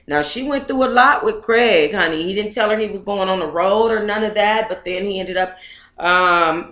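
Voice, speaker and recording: An American woman with a medium-pitched, slightly bright voice hosts a book club livestream, chatting casually and reading aloud. She's sassy and colloquial, calling listeners honey and baby, and the sound is echoey and roomy.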